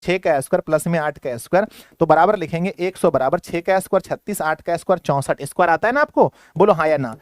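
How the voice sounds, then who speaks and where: Lively high-voiced male maths teacher. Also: fast talker, few pauses, no room sound, clean studio sound. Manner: playful, acts out students' replies in a sing-song voice. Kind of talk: energetic classroom lesson.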